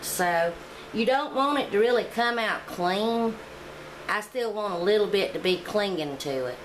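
In an echoey kitchen with background noise, a home cooking vlogger talks to her viewers while she bakes, chatty and homey in a casual way. Her medium-pitched voice is expressive and moves a little slowly.

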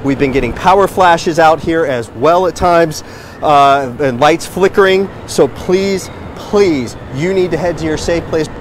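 A man with a slightly high voice delivers urgent live storm reporting as a TV meteorologist. He is outdoors, and the field audio has clear background noise. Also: moderate pace. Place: outdoors, station back parking lot.

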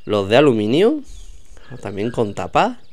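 His mid-range voice is a touch mellow, slightly slow, and full of huge pitch swings. He's a vlogger on a relaxed walk down a grocery aisle, chattily showing his audience the products.

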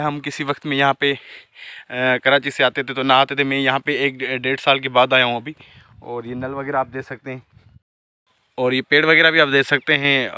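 A Pakistani man in his thirties narrates a casual vlog outdoors among village fields, his medium-pitched voice sharp and smooth with no echo. Holding his phone at arm's length in selfie framing, he chats away, points out what's around him as he walks, and teases his friends.

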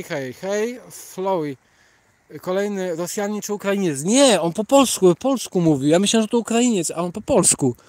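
On a night walk down a city sidewalk, a Polish-accented man hosts a casual livestream, rambling and reading out viewers' chat names as he greets them. His voice is high and a little mellow, with no room sound.

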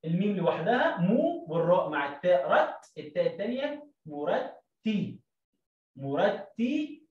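A man with an Egyptian accent teaching children to read, stretching syllables out slowly and then explaining in quick bursts. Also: high-pitched, very animated, roomy sound, recorded from a distance, highs cut off. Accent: Egyptian Arabic. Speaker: reading teacher. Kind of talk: children's reading lesson.

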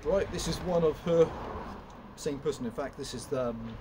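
A young man with a slightly high voice talks loosely through a walkthrough, stopping for fillers and restarting his sentences. He is recorded by a camera some way off in an open woodshed, with clear background noise under his voice. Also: moderate pace. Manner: rambling, many fillers and restarts. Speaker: chainsaw vlogger. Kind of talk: casual product walkthrough. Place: open woodshed with log piles.

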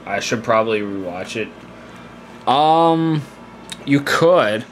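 Brief: young male streamer, unhurried casual chat, faint background hum. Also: mid-range voice, animated. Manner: rambling, laid-back, laughs easily.

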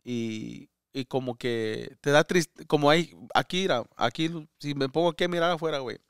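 A man co-hosting a casual comedy podcast, rambling and switching between Spanish and English, with loud laughs. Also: a little high, normal speed, smooth, no echo, studio quality. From United States. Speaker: comedian co-host.

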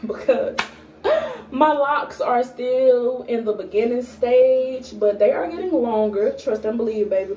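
A young vlogger from Atlanta, Georgia, with a voice on the high side, casually gets to know her viewers, speaking slowly with many fillers, pauses and stutters at times. The camera sits at arm's length in a small home room, so she sounds distant, echoey and a bit off-mic.

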